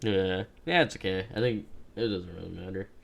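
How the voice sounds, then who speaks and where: Deep-voiced teen girl goofing around on a podcast call, giggly. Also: brisk, gravelly, noisy background. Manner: joking, giggly, jumps into sudden loud bits. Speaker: podcast co-host. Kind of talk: casual chat.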